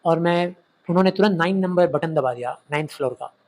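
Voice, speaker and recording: Male teacher walking students through a story, slightly high voice, self-answering questions. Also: darkish tone. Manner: retells the story with quick acted quotes, asks and answers his own questions. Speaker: English literature teacher.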